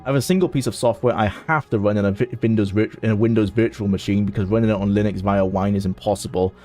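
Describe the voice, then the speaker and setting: A man's voice: lowish voice, quick pace, warm tone, faint music behind. A man streaming a video game, chatting casually and thinking aloud in an amused way. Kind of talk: casual gameplay commentary.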